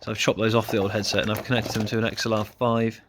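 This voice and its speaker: Talking fast, with a lowish voice and little pitch movement, this man presents a hands-on DIY demonstration as a car hobbyist. His manner is casual, improvised and self-deprecating. The recording is very noisy.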